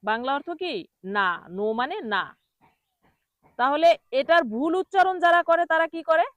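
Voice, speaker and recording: A woman teaching pronunciation, repeating each word slowly and quizzing the listener. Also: very high-pitched, expressive, dry recording, muffled recording. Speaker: language teacher. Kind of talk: pronunciation lesson.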